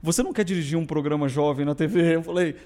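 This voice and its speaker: A middle-aged man from southern Brazil tells his story in a casual interview. His voice sits high for a man, and he talks fast and with animation. He acts out the dialogue he quotes. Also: darkish tone. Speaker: guest photographer.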